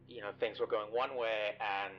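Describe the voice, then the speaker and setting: A man voicing a hesitant, anxious man on a call, halting and stammering, his voice bitcrushed and crunchy. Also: on the low side, fairly even intonation, muffled recording, slight background noise. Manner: halting, stammering, repeats words.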